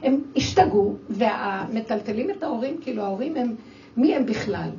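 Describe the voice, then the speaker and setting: An older woman giving an emotional religious talk to a group, exclaiming and acting out her own scolding of children. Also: a little high. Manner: animated, exclaiming, acts out quoted scolding. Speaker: speaker addressing a women's audience. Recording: distant, dull lo-fi with faint noise.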